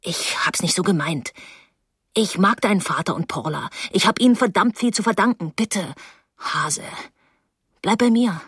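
A woman voicing a moody, stubborn young man who answers curtly in a lowered voice. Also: animated, normal speed, fairly bright tone, husky, no echo, clean studio sound. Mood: pleading.

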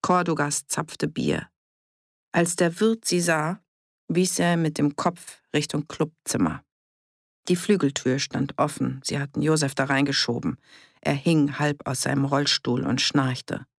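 A narrator reading a novel aloud in a measured, even storytelling manner. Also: medium pitch, gravelly, no echo, studio quality. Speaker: audiobook narrator. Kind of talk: scripted narration.

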